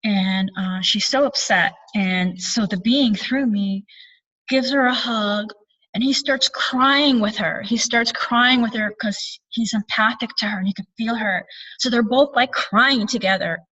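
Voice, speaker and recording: A woman's voice: fairly high pitch, a little slow, sharp tone, breathy edge. A woman recounting a spiritual experience in an earnest, meandering way, often correcting herself. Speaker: spiritual channeler and speaker. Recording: distant, dull lo-fi sound.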